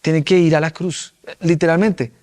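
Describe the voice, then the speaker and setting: A young male pastor delivers an emphatic sermon, his voice sitting a bit high for a man. He keeps turning to the congregation with rhetorical questions and drives each point home with force. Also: steady tone, normal speed, darkish tone.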